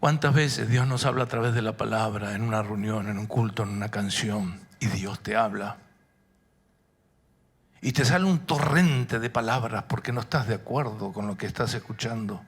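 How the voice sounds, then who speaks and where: A man's voice: fairly low pitch, normal speed, husky. A male pastor with an Argentine accent preaching a sermon in a church, often asking the congregation questions. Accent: Argentine Spanish.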